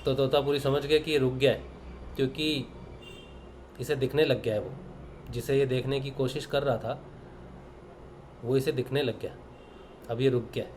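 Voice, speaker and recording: A man's voice: medium pitch, steady tone, moderate pace, pauses often, a little mellow. A man from Punjab with a mid-range voice gives a spiritual discourse to a meditation group. He talks in an earnest, reflective way and slips into acting out the dialogue of the stories he tells. There is a faint hum of background noise. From Punjab, India. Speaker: meditation session leader.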